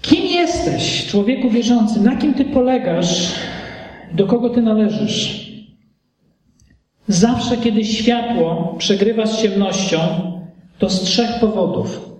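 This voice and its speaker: A man preaching a sermon emphatically, with rhetorical questions and big swings in pitch. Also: expressive, takes it slowly, long pauses, a little mellow. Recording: echoey hall from far off.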